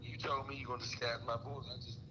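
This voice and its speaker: A man's voice: level tone, quick pace, a crowd in the background. Man on a voice-disguise filter. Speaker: caller. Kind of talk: call-in talk. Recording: echoey line with rumbling noise.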